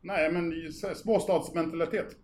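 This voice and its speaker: A man's voice: a little high, steady tone, darkish tone. Blunt man with a Stockholm accent, roomy sound. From Västergötland, Sweden. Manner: blunt, colloquial, with swearing. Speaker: interview guest. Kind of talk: casual chat. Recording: roomy echo with faint background noise.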